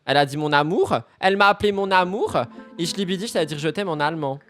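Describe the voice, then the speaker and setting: Guy streaming celeb gossip, high voice, campy and teasing, big dramatic bursts. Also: fast, a bit bright, faint music behind. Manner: campy, teasing, theatrical outbursts. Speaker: live streamer reacting to celebrity news. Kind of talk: casual live-stream commentary.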